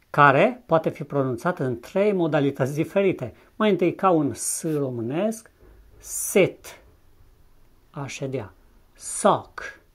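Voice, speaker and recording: A language teacher from Romania giving a scripted video lesson, speaking slowly and deliberately and repeating example words with careful pronunciation. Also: medium pitch, husky. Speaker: English teacher.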